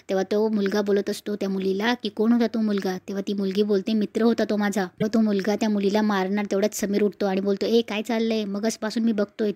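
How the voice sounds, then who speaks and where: Woman retelling a serial in a flat voice. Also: mid-range voice, no echo. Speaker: storyteller recapping a serial episode. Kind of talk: casual spoken recap with quoted dialogue.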